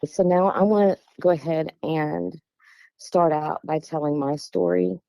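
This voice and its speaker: Low-pitched and warm, a little slow, a middle-aged woman with a West Virginia Appalachian accent casually shares a meandering personal story. The sound is dull, lo-fi and dry, recorded close without echo.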